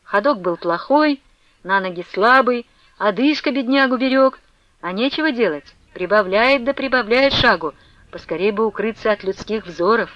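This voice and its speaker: A woman narrates a story in a measured, expressive reading voice that sits rather high. The sound is dry and close, with a dull, lo-fi edge. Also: no echo. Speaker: audiobook reader.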